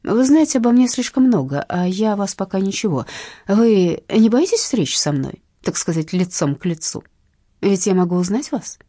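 A prickly, defiant young woman snapping back on the phone in an audiobook, voiced by the woman reading. Her voice is dark and husky, and it leaps around lively. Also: mid-range voice, moderate pace, no room sound, clean studio sound, pitched above the performer's own voice. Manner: blunt, rude, irritable. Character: young red-haired heroine, sharp-tongued and defiant. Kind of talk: audiobook narration.

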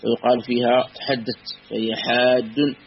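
A man teaching a classical grammar lesson, measured and patient, repeating and spelling out word forms slowly. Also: medium pitch, little pitch movement, breathy edge. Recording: dull lo-fi recording with faint hum.

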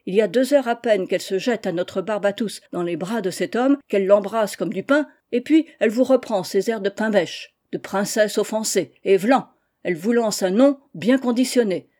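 A woman reading the part of a hot-tempered older general who blusters indignantly, in a mellow voice. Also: medium pitch, normal speed, lightly acted. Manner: blustering, indignant, loud outbursts.

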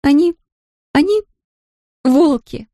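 An audiobook narrator voicing a tearful, frightened young girl with a strong Polish accent, speaking in halting, broken phrases. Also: high-pitched, lively intonation, warm tone, no room sound, clean studio sound, voice pushed up, heavily acted. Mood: distraught.

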